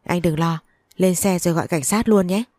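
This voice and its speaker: A woman's voice: lowish voice, a little fast, a little mellow, no room sound, studio quality. A woman narrating a dramatic first-person story.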